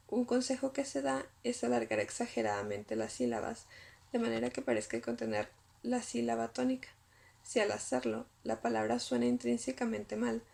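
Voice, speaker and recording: A woman whose first language is Spanish, reading a scripted lesson and sounding out syllables slowly. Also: fairly high pitch, creaky, dark tone. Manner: reads carefully, spells out syllables slowly. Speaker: student presenter.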